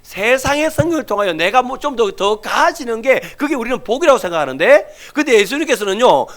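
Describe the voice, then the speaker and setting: A man's voice: very high voice, a little fast. A middle-aged male pastor with a Gyeongsang Korean accent preaching a sermon, telling stories with acted voices and sometimes dropping to a near whisper for emphasis. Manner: animated storytelling, acting out everyday people, dropping to near whispers for emphasis.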